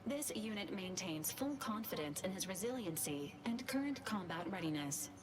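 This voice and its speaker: A woman plays a courteous female robot medic from a video game, speaking in formal, clipped machine phrasing at a middling pitch. She sounds calm and clinical throughout. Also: moderate pace, lightly acted. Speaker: game character.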